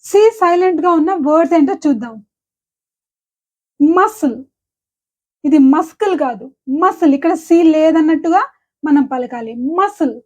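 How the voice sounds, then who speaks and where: A woman with a Telugu accent teaching English pronunciation, saying each example word slowly and clearly several times. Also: high-pitched, lively intonation, a little mellow. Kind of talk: pronunciation lesson.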